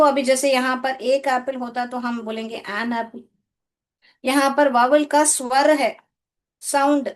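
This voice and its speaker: A woman English teacher from India giving a live online class in Hindi, coaxing her pupils, asking them questions and calling them "beta". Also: fairly high pitch. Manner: coaxing, calls students "beta", asks questions.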